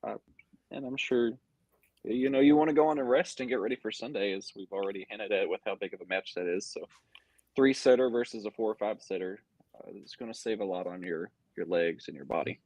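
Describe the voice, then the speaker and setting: A man's voice: lowish voice, a little fast, darkish tone, dry recording. A man co-hosting a sports podcast who adds his take in an easygoing, agreeable way. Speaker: podcast co-host. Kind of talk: casual sports chat. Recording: dull lo-fi audio.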